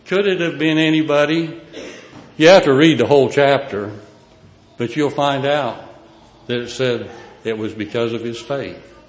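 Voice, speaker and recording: A man's voice: mid-range voice, measured pace, pauses often. A man with a rural Ozark hillbilly accent preaching a sermon in a folksy, plain-spoken way. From Missouri, United States. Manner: folksy, plain-spoken, emphatic swells dropping to quiet asides. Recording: echoey hall, reverberant, faint noise.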